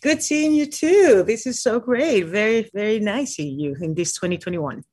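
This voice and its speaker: Woman, from Peru, interview guest, halting, many fillers, mid pitch, dry sound. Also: lively intonation, a little mellow, husky, dry recording. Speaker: guest mountaineer. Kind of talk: casual interview talk.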